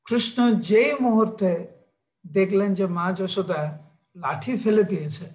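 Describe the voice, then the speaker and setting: A man preaching a devotional sermon, retelling a sacred story in an animated, dramatic way. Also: sits high, normal speed.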